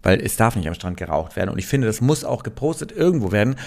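A man's voice: fairly low pitch, sing-song, fast talker, vocal fry, a little mellow. A man co-hosting a comedy podcast, teasing his partner and laughing through a silly memory game. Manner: teasing, playful, often laughing mid-sentence. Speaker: podcast co-host.

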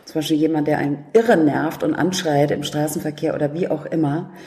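A woman author telling lively anecdotes in an interview and laughing often. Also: low voice, fairly quick, reverberant. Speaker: guest author. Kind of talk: interview talk.

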